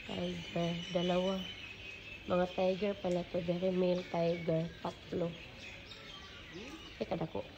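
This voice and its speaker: Woman vlogger, slow-talking and gravelly, cooing at animals, noisy outdoor phone recording with birds behind. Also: fairly low pitch, little pitch movement, lo-fi sound. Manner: cooing, baby-talks to the animals. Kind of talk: casual zoo-visit vlog commentary. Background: birds, roosters and outdoor ambience.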